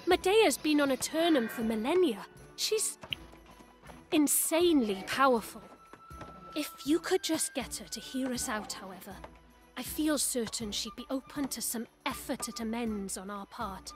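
A woman voicing a wry, hopeful druid, the last of her order, in measured, conversational video game dialogue. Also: on the high side, animated, soft background music, natural voice. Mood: earnest.

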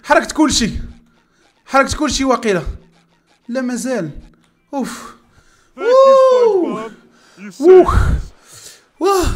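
A young man with a Moroccan Arabic accent giving frantic, shouted gameplay commentary, repeating words over and over. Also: very high voice. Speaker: gaming channel host.

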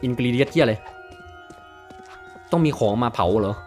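A young man giving casual gameplay commentary, bursting into loud, swearing, excited yells. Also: mid-range voice, unhurried, soft background music. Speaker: gaming video host.

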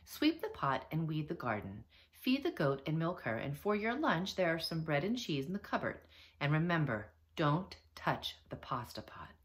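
A woman's voice: low-pitched, sing-song, moderate pace. A woman voicing a kindly old village witch, firm and instructing, in a storybook reading.

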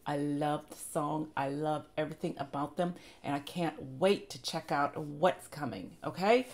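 A woman hosting a reaction video, gushing with enthusiastic praise while her voice keeps giving out and she clears her throat. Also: sits low, a little slow. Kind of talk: casual reaction commentary.

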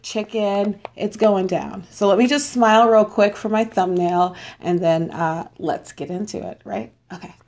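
A woman's voice: medium pitch, darkish tone, slight background noise. Bubbly young woman, chatting while eating. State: losing her voice. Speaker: mukbang vlogger. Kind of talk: casual eat-with-me chat. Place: at home.

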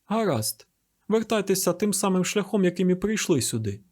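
A man's voice: high voice, sing-song, normal speed, darkish tone, voice pushed up. A man reading an audiobook, voicing a proud young woman who speaks coldly and with scorn.

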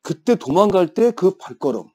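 A man's voice: high voice, sing-song, moderate pace, a little mellow. A man in his fifties teaching an English grammar class, telling playful stories and teasing his students. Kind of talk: classroom lecture with chatty anecdotes.

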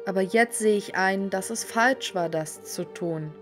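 A woman voicing a young woman in an animated story who speaks with intense, apologetic force. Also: mid-range voice, measured pace, over music, lightly acted. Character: sharp-tongued young woman, repentant.

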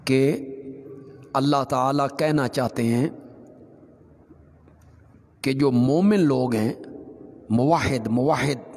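Man, Pakistani Urdu accent, sermon, slow deliberate delivery, long hall reverb. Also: mid-range voice, a little mellow. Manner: recites Arabic verses then explains them in Urdu; emphatic, repetitive preaching with rising exclamations. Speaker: Islamic scholar giving Quran commentary. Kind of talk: Quran commentary sermon.

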